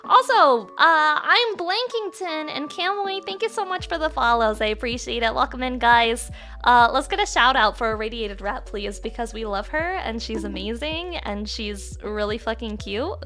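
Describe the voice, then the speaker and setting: Bright, high-pitched cute anime-streamer woman. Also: animated, moderate pace, soft background music. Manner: crude, playful swearing banter. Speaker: live streamer host. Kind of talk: casual, excitable livestream chat.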